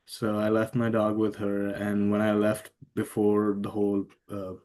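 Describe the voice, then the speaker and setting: A man hosting an interview who asks questions in a hesitant, halting way. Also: on the low side, monotone, darkish tone. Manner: hesitant, halting phrasing with many "uh"s. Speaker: podcast host and interviewer.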